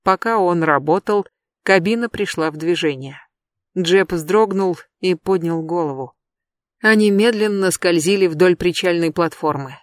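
An audiobook narrator reading a thriller in steady, even storytelling. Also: medium pitch, measured pace, no room sound, studio quality.

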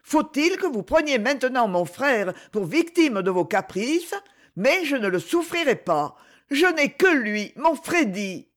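A man's voice: very high voice, sing-song, normal speed, hardly any pauses, voice pushed up. A man voicing a distraught, fiercely protective young sister. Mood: bitter.

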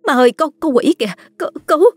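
A woman voicing an excitable young daughter-in-law. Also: moderate pace, dry recording, faint music behind, lightly acted. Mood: terrified. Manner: excitable, shrill.

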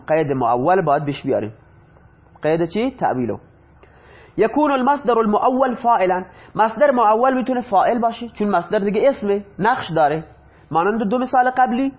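A man teaching a grammar class. He reads example sentences slowly, translates them, and asks the class questions that he answers himself. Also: high voice. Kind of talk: Arabic grammar lesson explained in Persian. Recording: dull lo-fi recording.

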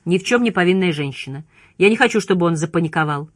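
A grim police inspector answers in blunt, clipped lines, as a woman reader puts him on. Her pitch stays low and the sound dry and close. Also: expressive, fast, no room sound.

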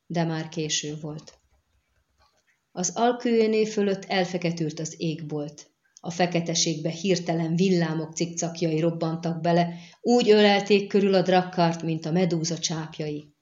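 Woman, audiobook narrator, measured storytelling, low voice, dull lo-fi recording. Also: fairly even intonation, a little mellow. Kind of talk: scripted narration of a fantasy novel.

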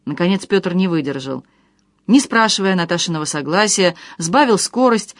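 A woman reading a novel aloud as an audiobook narrator, in a measured and expressive way. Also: mid-range voice, dry recording, clean studio sound.

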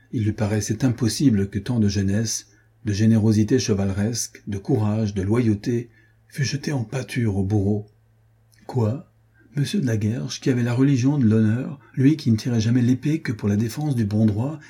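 Dark husky male audiobook narrator. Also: fairly low pitch. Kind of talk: reading a historical novel aloud.

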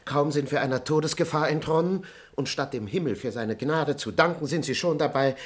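Man doing a disapproving servant, reproachful, measured, quiet delivery, radio play. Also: on the high side, lightly acted. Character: male servant, disapproving and preachy. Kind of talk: broadcast radio play acting.

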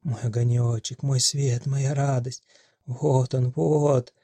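A man's voice: mid-range voice, steady tone, fairly quick, warm tone, no echo, lightly acted. A male audiobook reader voicing an ancient hysterical witch who shrieks curses and wails prophecies. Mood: wailing lament. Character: ancient wailing female witch, gone hysterical.

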